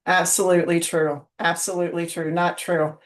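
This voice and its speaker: A woman co-hosting a podcast, affirming her guest warmly in casual chat. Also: fairly low pitch, level tone, normal speed. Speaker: podcast co-host.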